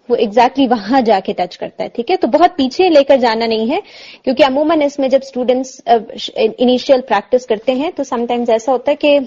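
Patient female tajweed teacher, slightly high voice, demonstrates sounds slowly, muffled lo-fi sound. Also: darkish tone. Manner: patient, explanatory, demonstrates sounds slowly, mixes in English terms. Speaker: Quran recitation teacher. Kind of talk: tajweed lesson explaining articulation.

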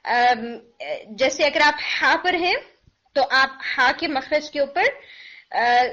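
A woman with a high, bright voice teaches pronunciation, drawing out each sound to demonstrate it. She has a sore throat and keeps clearing it. The recording is dull and lo-fi. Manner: demonstrates sounds by voicing them slowly; mixes English phrases into Hindi-Urdu. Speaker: teacher of Quranic recitation. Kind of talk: pronunciation lesson.

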